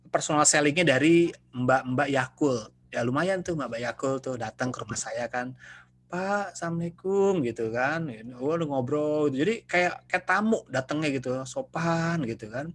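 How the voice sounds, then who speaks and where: A man with a slightly husky voice speaks to his students over a video call. He keeps the lecture loose and chatty and jokes with them as he explains. The sound comes through a plain computer microphone. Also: mid-range voice, normal speed. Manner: relaxed, joking, chatty with students. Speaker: university lecturer. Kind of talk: casual online lecture. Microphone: video call computer mic.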